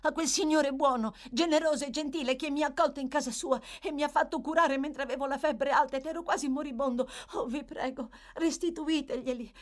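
A woman's voice: sits high, pitched above the performer's own voice, natural voice. A woman playing a begging, frightened boy. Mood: desperate pleading. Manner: pleading, rushed and urgent.

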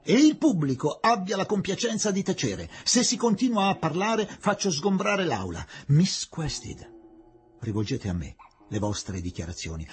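A man's voice: medium pitch, a little mellow, lightly acted. A man voicing a small, firm Indian magistrate who speaks formally in a read-aloud story.

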